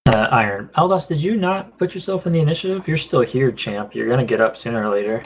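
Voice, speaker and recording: A man's voice: mid-range voice, expressive, fast, lo-fi sound, slight background noise. A man narrating a tabletop game as game master, talking loosely with fillers.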